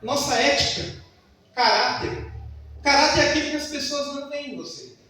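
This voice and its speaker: High-voiced preacher in an echoey church. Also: male voice, normal speed, bright, forceful tone. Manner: emphatic, storytelling. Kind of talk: sermon. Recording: echoey church hall from far off.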